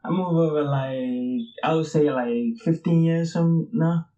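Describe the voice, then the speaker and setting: Being interviewed as a guest, a streetwear brand founder in his twenties from Brooklyn, New York rambles through his answers, packing in fillers and offhand curse words. He speaks a little slowly, in a fairly high, mellow voice, and the recording sounds muffled.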